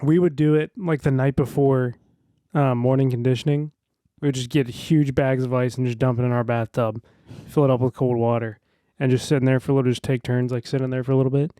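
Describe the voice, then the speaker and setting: A young adult man chatting as a podcast guest, halting with lots of restarts and fillers. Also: medium pitch, fairly even intonation, mellow, smooth, no room sound, clean studio sound. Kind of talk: casual chat.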